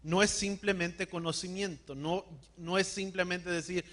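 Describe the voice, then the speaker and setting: A man preaching a sermon, calling on the congregation to repeat words after him and slowing down to stress key words. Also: high-pitched, steady tone, a bit bright. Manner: call-and-response, has the congregation repeat words. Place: church hall.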